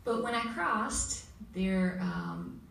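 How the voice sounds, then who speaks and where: A woman panelist telling a heartfelt personal story with many pauses, recorded in a school hall. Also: mid-range voice, expressive, vocal fry, fairly bright tone. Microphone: table mic heard from far camera. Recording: echoey hall from far off, faint noise.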